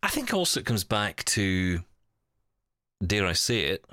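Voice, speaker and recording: In a dry, close recording with no room sound, a man with a very low voice co-hosts a podcast, chatting in a reflective, casual way. He is very animated yet unhurried, with a bright, forceful tone, and he hedges carefully, qualifying his points and correcting and rephrasing himself as he goes.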